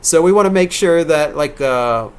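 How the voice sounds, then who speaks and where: A man's voice: on the high side, lively intonation, normal speed, clean tone. A man in his thirties, a game developer on a casual live-stream Q&A, answering viewer questions late at night, rambling and correcting himself as he goes. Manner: rambling, self-correcting, reads donor questions aloud.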